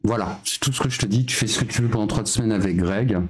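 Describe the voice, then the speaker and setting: A man's voice: on the low side, fast. Chatty French man live-streaming. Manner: chatty, thinks aloud with filler sounds. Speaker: streamer hosting a live reaction. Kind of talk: casual live-stream chat.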